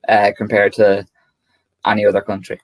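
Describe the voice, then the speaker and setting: In a lowish, monotone voice with no room sound, a young Irish podcast co-host chats casually. He meanders through his points with halting restarts and self-mocking humor.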